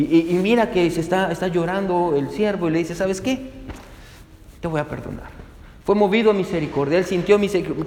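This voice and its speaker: A man's voice: sits high, a little mellow, in a large hall. A man preaching a sermon as pastor, asking his listeners questions and calling them to turn with him to the verses. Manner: asks the congregation rhetorical questions.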